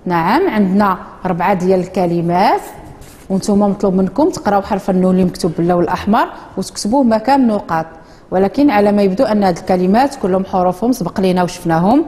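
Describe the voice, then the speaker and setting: A woman with a Moroccan accent teaching a children's reading lesson in a classroom, slowly drawing out words for the pupils to repeat. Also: medium pitch, dark tone, in a large hall. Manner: slow, drawn-out modeling of words for children. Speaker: primary school teacher.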